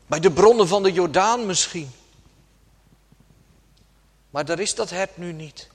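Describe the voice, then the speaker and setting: A man preaching a sermon slowly and dramatically, dropping suddenly to a hush at times. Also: sits high. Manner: slow, dramatic preaching with sudden soft drops. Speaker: pastor. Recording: long church reverb.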